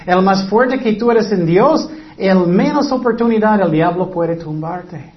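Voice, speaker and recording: A man's voice: sits high, measured pace, dull audio. A man preaching a sermon earnestly, now and then acting out whiny excuses in quoted voices.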